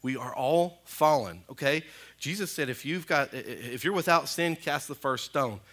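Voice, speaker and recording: A man, a pastor preaching a sermon in a church in a lively, conversational way with frequent asides to the congregation. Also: medium pitch, moderate pace. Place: church sanctuary.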